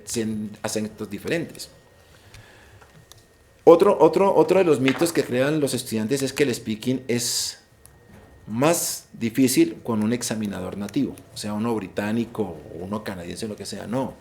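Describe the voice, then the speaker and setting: A man's voice: medium pitch, gravelly, darkish tone, a little hiss or hum. A young adult man giving an informative online session about an exam, emphatic and repeating his key points. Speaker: IELTS presenter.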